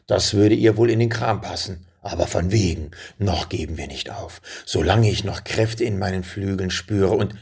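A man voicing a huge, gruff male dragon in a storybook, with a gravelly, booming voice. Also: moderate pace, few pauses, exaggerated voice. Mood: defiant. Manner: booming, defiant, then hushed.

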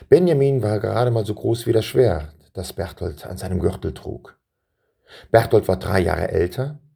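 A man reading a children's story aloud in a calm manner and turning to address his young listeners. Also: low voice, creaky, breathy edge.

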